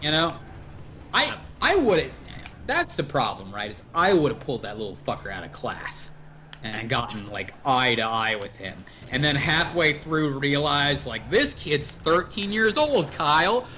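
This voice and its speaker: A man's voice: mid-range voice, unhurried, slight background noise. A man hosting a livestream podcast, telling stories in casual chat and swearing freely. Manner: animated storyteller who swears freely. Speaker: podcast host. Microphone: livestream podcast mic.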